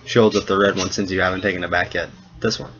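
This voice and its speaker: Acting as game master in a tabletop role-playing game, a man narrates very fast in a flat delivery, talking casually, voicing the characters, and laughing at his own story. The recording has a dull, low-fi sound with faint noise.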